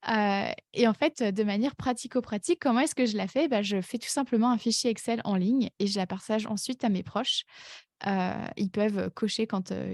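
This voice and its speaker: A woman's voice: medium pitch, darkish tone, no room sound. Chatty woman coach, dry close sound. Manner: chatty, many fillers and self-corrections. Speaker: life coach and podcast host. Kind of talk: casual personal podcast monologue.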